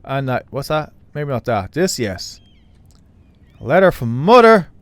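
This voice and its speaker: Slow-paced, clear-voiced man commentating a game. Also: medium pitch, sing-song, no echo. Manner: joking, muttering asides, swears. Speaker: gameplay commentator. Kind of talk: casual playthrough commentary.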